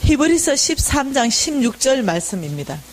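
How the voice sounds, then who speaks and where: Lively woman telling a church testimony. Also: sits high, normal speed. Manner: animated storytelling, acting out quoted voices. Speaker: church lecturer. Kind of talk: church lecture with personal testimony.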